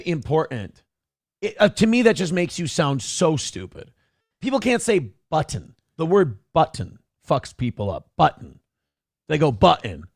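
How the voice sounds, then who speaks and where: A man's voice: fairly high pitch, no echo, studio quality. An American man hosting comedic political commentary in a sarcastic, emphatic manner. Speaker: talk show host.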